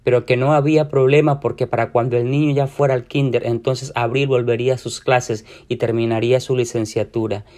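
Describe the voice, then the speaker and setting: A man's voice: mid-range voice, steady tone, fairly quick, few pauses, darkish tone. A man with a Mexican accent reading a short story aloud in a casual, slangy first-person voice. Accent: Mexican Spanish. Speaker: reader.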